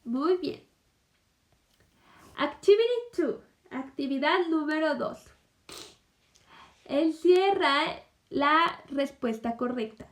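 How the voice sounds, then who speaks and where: A woman's voice: high voice, takes it slowly, pauses often, fairly bright tone. A woman teaching a recorded English lesson to children, explaining patiently and checking in with "ok?" again and again. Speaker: primary school English teacher.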